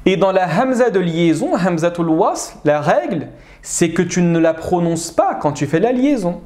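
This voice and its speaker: A man's voice: high-pitched, moderate pace, roomy sound. A man teaching an Arabic grammar class online, explaining patiently and checking in with his students often. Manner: animated, checks understanding with frequent "d'accord?".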